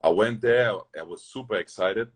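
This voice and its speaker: A young man from Germany, a basketball player, telling stories fast in loose, broken English as an interview guest. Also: fairly low pitch, husky. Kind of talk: casual interview storytelling.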